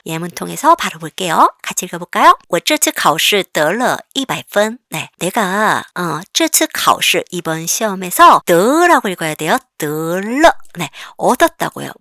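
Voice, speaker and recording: A woman teaching a language lesson, asking questions and answering them herself, and reading example sentences slowly and clearly. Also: fairly low pitch, pushed and bright, dry recording, studio quality.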